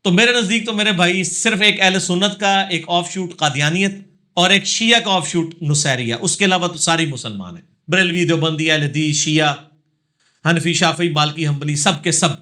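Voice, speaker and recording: A man's voice: sits high, bright, forceful tone. A man, a religious scholar answering audience questions in a live session, lecturing emphatically and checking in with tag questions.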